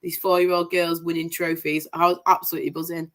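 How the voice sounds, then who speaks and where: A young, posh-sounding woman from Manchester, England hosts a women's football review show as a casual livestream, reeling off results with upbeat enthusiasm. Her voice is fairly low and fairly bright, and she speaks fast with a flat delivery.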